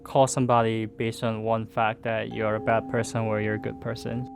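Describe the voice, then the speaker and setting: Flat, low-voiced man from South Korea. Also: normal speed, gravelly. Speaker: interviewee. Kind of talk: documentary interview. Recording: guitar music playing behind.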